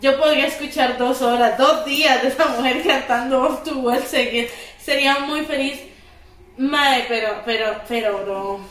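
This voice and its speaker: Excitable Costa Rican woman, echoey room. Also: sits high, moderate pace. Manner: slangy, excitable, laughs often. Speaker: podcast co-host. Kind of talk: casual chat. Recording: echoey room, mic at a distance.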